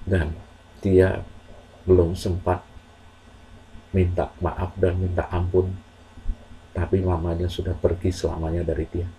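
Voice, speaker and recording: A man telling a moral story to children in a slow, earnest, measured way with pauses. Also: low-pitched, little pitch movement, warm tone, slight background noise, poor audio.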